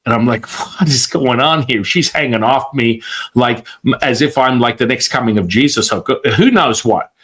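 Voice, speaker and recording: Guy guesting on a chat, mid-pitched voice, animated storyteller, acts out quotes and swears a bunch. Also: normal speed, husky. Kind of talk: casual storytelling.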